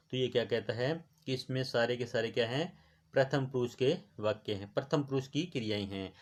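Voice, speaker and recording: Low-voiced man teaching Sanskrit. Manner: reads Sanskrit lines, then explains each in Hindi. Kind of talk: classroom lesson explaining a Sanskrit exercise.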